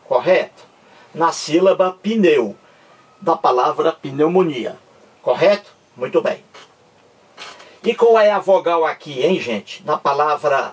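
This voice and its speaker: Man teaching grammar, slightly high voice, husky tone, slow and repetitive delivery. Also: far from the mic. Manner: slow, repetitive, checks understanding with the class. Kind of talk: grammar lesson.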